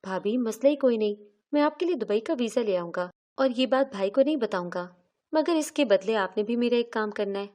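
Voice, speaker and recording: A woman's voice: fairly high pitch, lively intonation, a little mellow, lightly acted. A woman reading out the lines of a young man, her brother-in-law, who whines in pain and later bargains slyly. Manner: whiny, then sly and bargaining.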